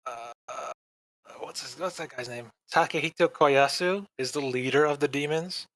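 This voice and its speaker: A man co-hosting an anime podcast, giving a rambling, deadpan and dismissive casual review. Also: mid-range voice, normal speed. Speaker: podcast co-host.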